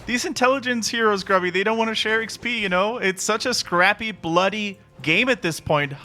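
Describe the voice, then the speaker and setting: A man with a Dutch accent giving lively live play-by-play commentary on a strategy game. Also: moderate pace, faint music behind. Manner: excited play-by-play, rising pitch at big moments. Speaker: esports caster.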